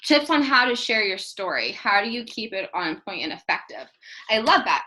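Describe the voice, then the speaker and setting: A woman in her thirties gives a casual team training talk, chatty and earnest, rambling with heavy fillers like "like" and frequent restarts while encouraging her listeners. Her medium-pitched voice is sing-song, moderately paced and sharp in tone, captured in a rough recording.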